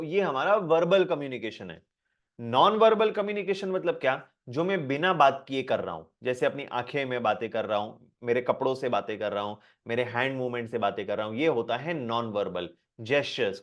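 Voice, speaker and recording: A man teaching a live online class, talking in a lively way, repeating his points and asking the class questions. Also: mid-range voice.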